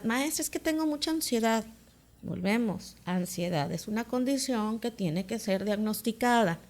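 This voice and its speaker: A woman's voice: mid-range voice, gravelly, darkish tone. A woman, a teacher, explaining ideas carefully in a casual talk-show conversation. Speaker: teacher and co-host.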